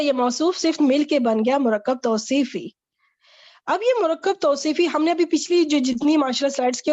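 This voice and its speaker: A woman's voice: sits high, a little mellow, dull audio. A woman teaching an online Arabic grammar lesson, quizzing a student and explaining patiently.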